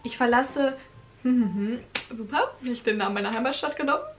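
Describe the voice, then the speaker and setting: A woman's voice: on the high side, quick pace, soft background music. A young woman reading her own teenage crime story aloud and breaking off for sarcastic comments on the writing. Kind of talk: reading aloud with joking asides.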